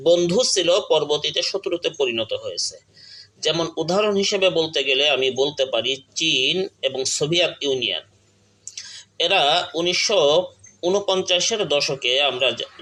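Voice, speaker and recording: With a fairly high, bright and forceful voice, a man talks politics straight to his online audience, earnest throughout. He trips over words and restarts at times, stressing each example, and the audio is poor.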